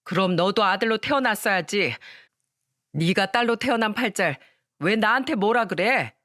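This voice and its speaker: A woman's voice: medium pitch, lively intonation, moderate pace, fairly bright tone, dry recording, studio quality, close to an everyday voice. A woman voicing a harsh middle-aged mother who scolds her daughter and favors her son, in a storytelling radio show. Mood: stubborn dismissive. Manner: scolding, cold and dismissive.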